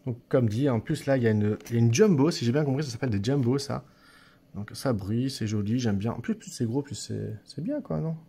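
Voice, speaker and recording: A man's voice: medium pitch, gravelly, dark tone, slight background noise. A man casually talking viewers through opening card packs, hesitant and repeating his words, with a slight stammer and an accent. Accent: non-standard French accent. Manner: chatty, often addresses viewers directly. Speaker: card-opening channel host. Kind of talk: casual unboxing commentary. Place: office.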